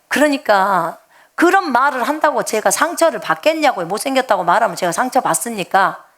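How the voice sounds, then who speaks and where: A woman missionary preaching an afternoon sermon in a lively, joking way, speaking straight to her congregation and swinging between loud emphatic lines and soft asides. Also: high voice.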